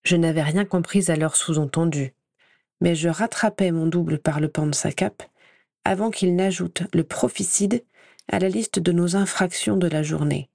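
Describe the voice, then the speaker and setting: A woman reading a first-person story aloud in a measured, clear storytelling manner. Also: fairly low pitch, a little mellow, no echo, clean studio sound. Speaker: audiobook reader.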